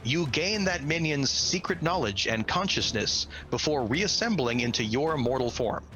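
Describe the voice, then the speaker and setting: A man serving as game master narrates a tabletop game in an enthusiastic, slangy, dramatic way, his mid-range voice pushed and bright with lively intonation at a moderate pace. The low-quality recording has a little hiss or hum, and background music sits behind his voice.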